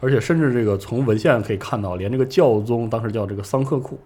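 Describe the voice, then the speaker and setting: A man's voice: mid-range voice, fast talker, warm tone, breathy edge. A man hosting a podcast, casually retelling a game's story in a rambling way with many fillers. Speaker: podcast host recounting game lore.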